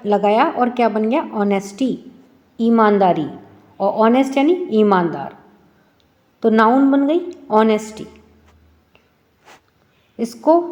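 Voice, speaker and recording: A woman teacher talks students through a lesson at a very slow, careful pace. Her voice sits a little high. She keeps asking questions and then answering them herself, and her words ring out with a long reverb tail. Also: mellow. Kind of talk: explaining an English lesson for schoolchildren.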